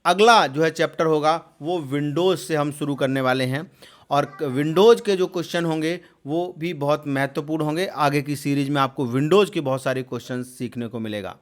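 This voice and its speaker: A man's voice: fairly high pitch, moderate pace. Man tutoring with a rising question voice. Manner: repeats terms and fills with "jo hai" and hesitations; lifts voice loudly on each new question. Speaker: computer exam tutor. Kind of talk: explaining quiz answers in a lesson.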